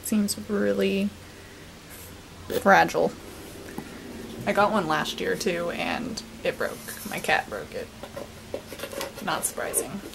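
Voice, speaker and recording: A woman's voice: fairly low pitch, very animated, takes it slowly, creaky, pauses often, noisy background. A young woman in her twenties chatting casually to a handheld camera in her bedroom, with plenty of "like" and "um". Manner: chatty, filler-heavy. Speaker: vlogger. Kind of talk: casual vlog chat. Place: bedroom at home. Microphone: handheld camera at arm's length.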